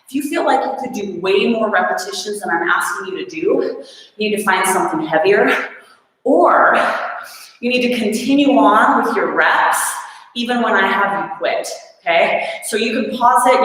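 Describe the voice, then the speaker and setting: A woman's voice: mid-range voice, a bit bright. A woman fitness instructor leading a live workout class, coaching in an upbeat way, counting reps aloud and joking about her own effort. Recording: echoey room with long reverb.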